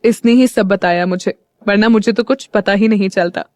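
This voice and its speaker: A woman voicing a calm young man who teases his friends in an audio story. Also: medium pitch, normal speed, no room sound, natural voice. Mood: easygoing.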